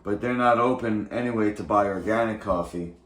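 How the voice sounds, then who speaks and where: Brisk and fairly bright in tone though pitched on the low side, a man rambles casually in his morning vlog. Speech comes out slightly thick, impeded by a tongue he bit and swelled. The clip has a roomy echo and faint background noise.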